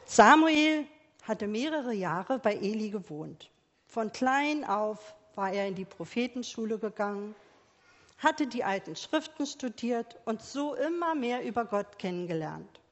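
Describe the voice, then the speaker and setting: Slow gentle woman preaching in a hall. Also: on the high side, lively intonation, muffled recording. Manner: gentle, questioning, measured. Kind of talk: slow sermon for church and children. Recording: long reverb of a church hall.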